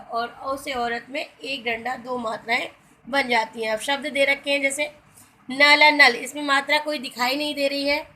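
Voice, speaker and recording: A woman's voice: high voice, sharp tone, low-quality recording. A woman teacher giving a grammar lesson, spelling out letters one by one and calling her students "beta". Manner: briefly sings film song lines as examples. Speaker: Hindi teacher.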